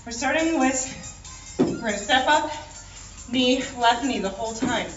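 A woman leads a workout as an aerobics instructor, urging with short repeated commands and counts while she moves. Her voice is on the high side and unhurried. It comes from across an echoey studio. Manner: exerting while talking, jumping and stepping. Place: large mirrored indoor fitness studio. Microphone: far camera. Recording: echoey studio, distant dull mic, music playing. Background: workout music.

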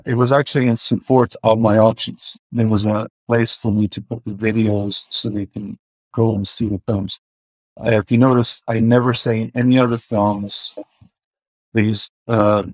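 A man in his forties, a car filmmaker with a mixed Iranian and Swedish accent, is interviewed over a video call from a room at home, speaking hesitantly with many fillers. His voice is fairly low, and the webcam recording is dry and rough.

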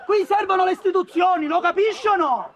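A man's voice: very high voice, fairly quick. A man, an animal rights activist, filming a tense confrontation outdoors and pleading insistently for help. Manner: insistent and urgent, pleading and arguing. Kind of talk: live confrontation on camera. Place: street outdoors among agitated people. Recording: loud crowd around.

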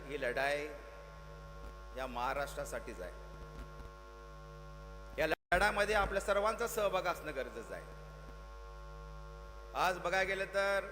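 Maharashtrian man's high-pitched rally speech, heavily reverberant. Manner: exhorting, emphatic, rhetorical repetition. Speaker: political speaker. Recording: long hall reverb, mains hum, music behind.

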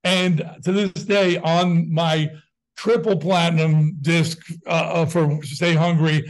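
Wry, deadpan man in his sixties. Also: fairly high pitch, rough recording. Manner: wry, deadpan jokes, brisk storytelling. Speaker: guest musician. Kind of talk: casual interview chat.

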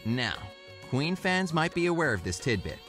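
A man's voice: a little high, sing-song, normal speed, fairly bright tone, soft background music. A man giving upbeat, lightly jokey scripted narration for a travel list video, played back from the video.

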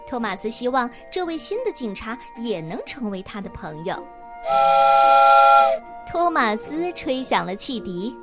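Lady reading a kids story, high lively voice, soft music behind. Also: measured pace. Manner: animated, sing-song, playful. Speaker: children's storyteller. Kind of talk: storybook narration for children.

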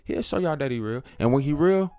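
A man's voice: a little high, lively intonation, a little fast, mellow, no room sound, soft background music. A young man, a YouTube creator, talking casually to camera about faith, preachy and slangy, calling viewers bro.

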